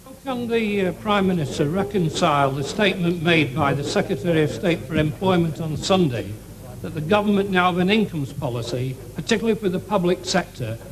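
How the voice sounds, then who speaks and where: High-pitched indignant British man in parliament. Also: lively intonation, a little fast, a crowd in the background. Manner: indignant, rhetorical. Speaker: opposition member of parliament. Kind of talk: parliamentary question. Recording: noisy parliament chamber.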